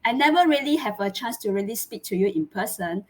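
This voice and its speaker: A woman's voice: a little high, animated, a little fast, darkish tone. A woman from Malaysia, hosting a live online interview over a video call in an earnest way, with many fillers and restarts. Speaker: host.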